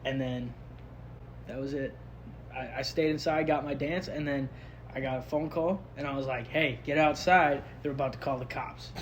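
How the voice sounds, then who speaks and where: A man's voice: medium pitch, fairly even intonation, moderate pace, slight background noise, low-quality recording. A man co-hosting a casual podcast, telling a story loosely and swearing, acting out what others said. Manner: loose, profane storytelling with acted-out quotes. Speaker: podcast co-host. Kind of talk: casual chat.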